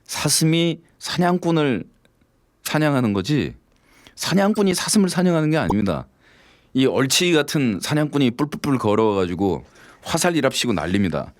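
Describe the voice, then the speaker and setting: A man's voice: mid-range voice, moderate pace. A middle-aged man hosting a late-night radio show, telling stories with lots of laughter and swearing and acting out both sides of the conversations himself. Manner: lively storytelling, swearing and laughing at cheesy lines. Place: radio studio. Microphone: studio microphone.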